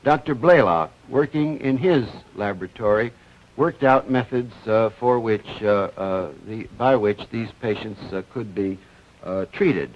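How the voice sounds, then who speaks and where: A physician presenting medical research on a 1950s TV broadcast, explaining step by step with many hesitant "uh" fillers. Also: male voice, lowish voice, measured pace. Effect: 1950s TV broadcast sound. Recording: dull lo-fi old TV audio, faint hiss.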